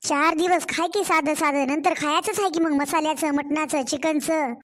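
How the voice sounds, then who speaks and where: A woman's voice: high-pitched, steady tone, normal speed, close to an everyday voice. A woman voicing a fussing village mother. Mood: coaxing. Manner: fussing, coaxing. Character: older village mother, doting and worried. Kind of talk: cartoon story voice acting.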